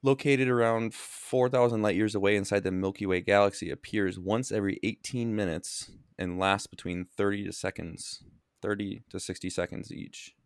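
A man co-hosting a podcast who talks in halting bursts with self-corrections and reads search results aloud, with the hiccups. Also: fairly low pitch, fairly even intonation, clean tone, dry recording, studio quality. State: has the hiccups. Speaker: podcast co-host. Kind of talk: casual chat.

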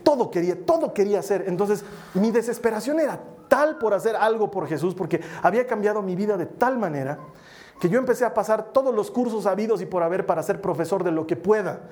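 A man's voice: high voice, animated, fast, a little mellow, a little hiss or hum. A middle-aged man from Bolivia with a Bolivian Spanish accent, preaching a sermon and telling his own story, acting out the voices he quotes. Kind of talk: sermon with personal testimony.

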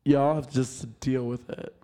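A woman's voice: extremely low pitch, fairly even intonation, a little slow, warm tone. A woman co-hosting a casual chat while sick and out of breath, dropping in dry, teasing remarks. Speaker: podcast co-host.

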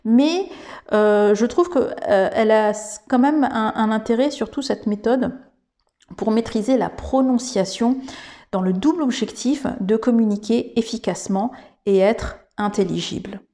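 Slow, mellow-voiced woman teaching. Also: fairly high pitch. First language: French. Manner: thoughtful, with frequent fillers and restarts. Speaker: English teacher and podcast host. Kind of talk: podcast lesson.

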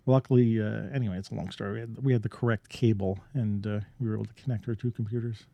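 A man's voice: fairly low pitch, steady tone, fast, gravelly, no echo, dull audio. A man co-hosting a podcast, talking in a loose, rambling way with lots of fillers and restarts. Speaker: podcast co-host. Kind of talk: casual chat.

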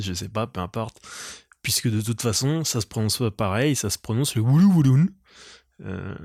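A man riffs as comedian and podcast host, wandering off on crude tangents and laughing at himself. His voice sits at a middle pitch. The sound is dry and close, with no room echo. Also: creaky. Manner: digressive, self-mocking, crude. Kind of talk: rambling comic monologue.

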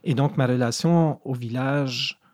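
A man's voice: mid-range voice, darkish tone, dry recording. A middle-aged man with a Brayon Acadian French accent from northwest New Brunswick, speaking thoughtfully with many hesitations in a podcast conversation. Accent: Acadian French, Brayon (Madawaska). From Madawaska, New Brunswick, Canada. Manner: thoughtful, measured, with frequent "euh". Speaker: poet guest.

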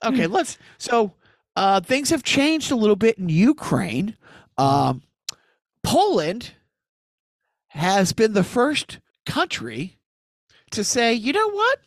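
A man's voice: sits high, big pitch swings, takes it slowly, long pauses, no room sound, studio quality. A man co-hosting a casual podcast, rambling with lots of restarts and asides. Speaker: podcast co-host. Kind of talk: casual chat.

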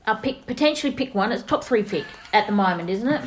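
A woman's voice: medium pitch, expressive, fast talker. A woman with an Australian accent co-hosting a casual football chat, colloquial and full of opinions. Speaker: football podcast co-host.

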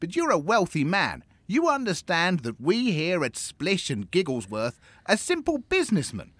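A man's voice: high voice, wildly swooping pitch, moderate pace, a bit bright, dry recording, exaggerated voice. A man playing a smug, greedy male arms-dealer businessman in a comedy sketch, oily and condescending.

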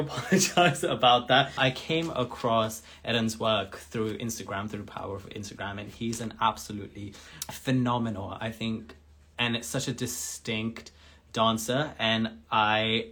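A man's voice: fairly low pitch, sharp tone. Nasal-voiced man hosting a chatty podcast. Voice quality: slightly nasal from a cold. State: recovering from a cold. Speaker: podcast host. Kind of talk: chatty show introduction and interview.

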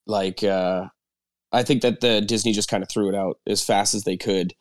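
A man's voice: on the low side, steady tone, normal speed, no echo, studio quality. A man giving emphatic opinions in a casual group chat.

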